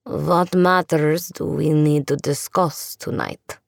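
Woman voicing an unearthly, slow old Russian grandfather. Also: low-pitched, fairly even intonation, gravelly, dry recording, full character voice. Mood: businesslike. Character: disembodied old Russian grandfather's voice from an enchanted radio. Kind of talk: audiobook character voice.

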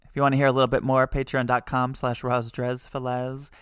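A woman hosting a podcast, chatting casually with a guest. She talks in an animated, excitable way, with frequent fillers and restarts and little squealed exclamations. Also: a bass voice, a little fast, clean tone. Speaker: podcast host. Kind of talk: casual chat.

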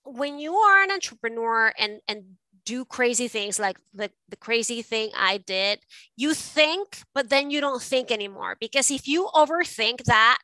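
A woman's voice: on the high side, animated, moderate pace, pushed and bright, dry recording, poor audio. A middle-aged woman from Venezuela, a guest in an interview, telling her story in a reflective way with frequent restarts. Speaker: guest, art advisor. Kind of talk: casual interview.

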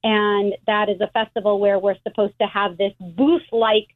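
A middle-aged American woman, a rabbi, explaining things in a measured way with frequent restarts over the phone. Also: mid-range voice, flat delivery. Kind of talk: phone interview. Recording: tinny phone line.

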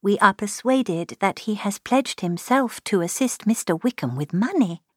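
Woman reading a calm, sensible eldest daughter. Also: mid-range voice, dry recording, clean studio sound, natural voice. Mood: gently persuasive. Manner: measured, tactful. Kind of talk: audiobook character voice.

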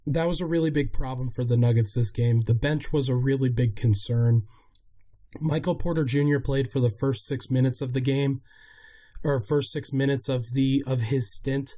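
A man delivers sports podcast commentary in a dark, muted tone. His voice is gravelly and hoarse, audibly worn out by illness, as he hosts and breaks down the game. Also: medium pitch. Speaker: podcast host.

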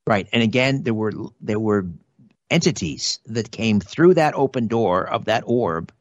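Low-voiced man hosting radio talk, slightly dull sound. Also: unhurried, no echo. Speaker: radio talk show host. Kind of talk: conversational interview hosting.

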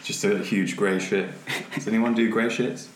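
A man co-hosting a podcast in casual chat, joking and crude and quick to laugh. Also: on the low side, fairly even intonation, background noise. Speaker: podcast co-host. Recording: roomy echo.

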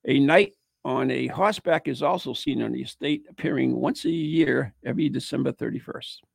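A gravelly, husky man from the United States, his voice sitting a little high, casually reading out ghost stories and cracking jokes with a co-host. He recites the tales, then drifts off into banter. The recording is dry and close. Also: moderate pace, no room sound. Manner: chatty, joking, slips into playful high voice.

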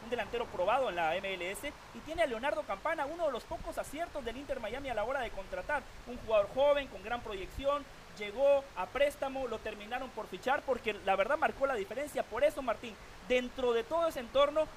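A man on a sports talk show giving formal, measured football analysis. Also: extremely high pitch, animated, a little hiss or hum, rough recording. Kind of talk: sports talk panel discussion.

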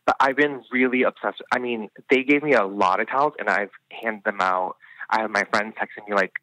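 A man's voice: on the low side, a little fast, bright, forceful tone, no room sound, poor audio. A man who works as a hairstylist, chatting enthusiastically as a podcast guest, full of "I mean" and "you know". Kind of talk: casual podcast interview chat.

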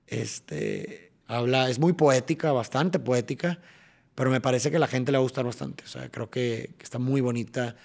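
With a gravelly, slightly mellow mid-range voice, a Mexican-accented man speaks at normal speed in a steady tone. He's a podcast guest in a casual interview, enthusiastically explaining how he writes songs, restarting often and tapping rhythms.

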